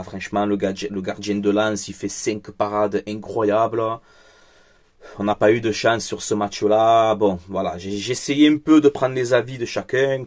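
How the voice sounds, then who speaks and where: A man doing a casual football debrief, frank and chatty, angry and upset after a loss. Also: lowish voice. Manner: frank and chatty, with many fillers. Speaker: football vlogger.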